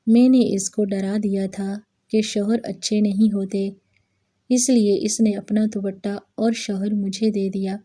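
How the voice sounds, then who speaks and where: Dark, mellow woman narrating a story. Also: medium pitch. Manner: steady, even reading. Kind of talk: scripted first-person story narration.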